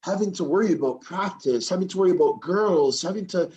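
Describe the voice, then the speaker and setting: A man's voice: sits high, lively intonation, brisk, darkish tone, highs cut off. A man hosting a podcast, interviewing his guest in a chummy, casual way. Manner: chummy, calls the guest buddy and brother. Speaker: podcast host.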